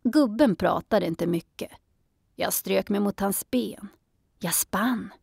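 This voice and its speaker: Woman, calm storybook narrator, dry close sound, middle pitch. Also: creaky, slightly rough, no room sound. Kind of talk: children's audiobook narration.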